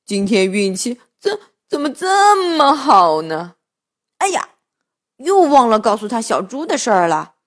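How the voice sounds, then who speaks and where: A woman's voice: fairly high pitch, sing-song, unhurried. Lady doing a chuckly greedy wolf guy from a kids' story, swoops up and down a lot. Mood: gleeful. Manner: gleeful, chuckling to himself. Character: cheerful greedy big grey male wolf.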